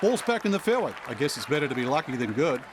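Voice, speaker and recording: A man's voice: fairly high pitch, sing-song, quick pace. Guy commentating golf, really up and down voice, crowd and outside noise behind.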